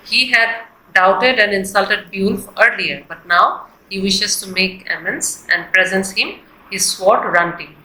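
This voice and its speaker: A woman giving a scripted, explanatory literature lesson in a deliberate, textbook-like manner. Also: medium pitch, sharp tone. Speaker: literature teacher. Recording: echoey, roomy sound.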